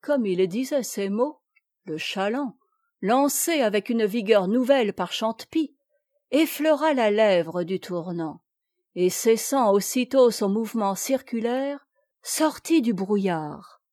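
A woman narrating an adventure story in a measured, steady reading voice. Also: fairly high pitch, no echo, studio quality.

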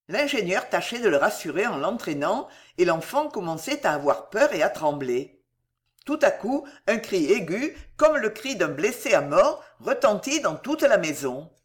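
A storybook narrator with a very lively, swooping delivery, pitched in a middle range. The reading is dramatic and emotive throughout. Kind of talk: expressive audiobook narration.

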